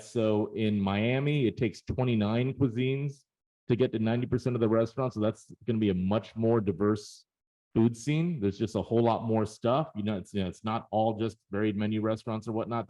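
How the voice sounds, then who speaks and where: A man's voice: lowish voice, mellow, rough recording. A man presenting data in a webinar, explaining charts in a casual, conversational way with frequent fillers.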